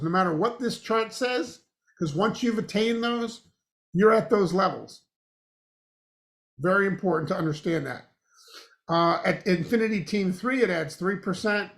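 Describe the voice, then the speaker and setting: High-pitched upbeat male presenter. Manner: upbeat, salesy, laughs easily. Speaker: host presenting a compensation plan. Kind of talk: online business presentation. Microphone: video call.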